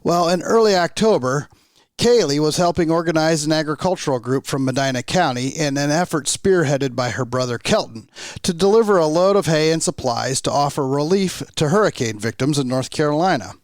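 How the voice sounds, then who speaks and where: A man narrates a farm news feature in a measured, scripted way, his voice a touch higher than most men's. The sound is dry and close, with no room echo. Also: expressive.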